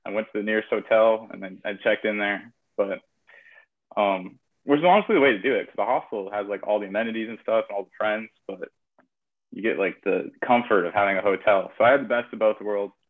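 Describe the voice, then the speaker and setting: A man's voice: lowish voice, fairly quick. A young man telling a long story in casual chat, rambling with lots of fillers. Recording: tinny phone-like audio.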